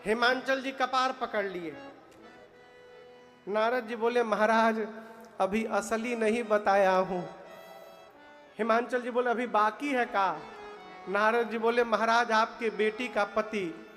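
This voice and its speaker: High slow-talking up preacher guy, quizzes the crowd, soft music under him. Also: steady tone. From eastern Uttar Pradesh. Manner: prods the audience with questions and answers, breaks into chanted verses. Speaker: katha preacher. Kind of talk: devotional sermon storytelling. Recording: reverberant hall with faint music.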